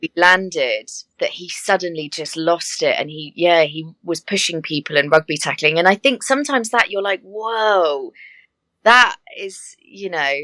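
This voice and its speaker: Flight attendant lady, chatty and animated, kinda low voice, dead dry room. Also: normal speed, few pauses, no echo. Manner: chatty, animated, laughing asides. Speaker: air hostess guest. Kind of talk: casual interview chat.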